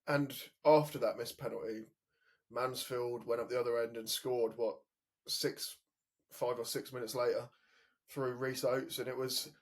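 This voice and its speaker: A man's voice: mid-range voice, steady tone, a little slow. A man co-hosting a football podcast, chatting casually as he recounts match moments with frequent fillers. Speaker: podcast co-host.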